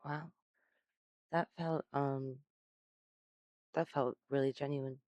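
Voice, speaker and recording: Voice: medium pitch, little pitch movement, slow pace, darkish tone, dry recording. A person interviewing an AI in a casual, rambling way, often laughing and swearing. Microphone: close personal mic at home.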